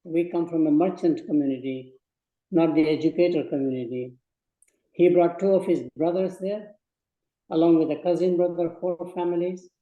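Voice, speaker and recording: A man's voice: fairly high pitch, dark tone, muffled recording. Man in his eighties in an echoey hall. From Burma. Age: 80s. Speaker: guest speaker. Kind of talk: speech to students.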